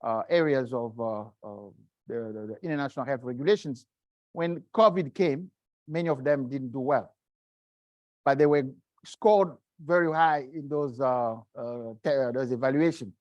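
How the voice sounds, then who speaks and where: A middle-aged man, a guest speaker, answering seminar questions in a halting way, often searching for words. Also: medium pitch, a little mellow, dry recording, muffled recording. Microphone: video call.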